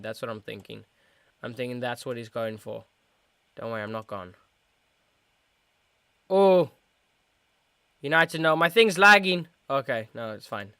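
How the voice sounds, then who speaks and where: A man hosting a live football watchalong, who jumps from shouted play-by-play to low mumbled asides. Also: clean tone, no echo, studio quality. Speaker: host of a football watchalong stream.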